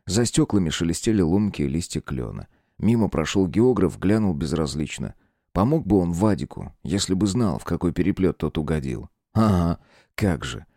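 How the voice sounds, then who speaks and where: A man giving a measured, expressive scripted narration of a horror story as an audiobook reader. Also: low voice, no room sound, clean studio sound.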